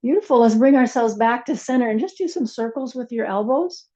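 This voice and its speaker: Woman yoga teacher, mellow warm voice, gentle unhurried cues, slightly dull lo-fi sound. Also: a little high, expressive. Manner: gentle, unhurried cueing with soft asides. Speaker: chair yoga and meditation teacher. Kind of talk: guided yoga class instruction.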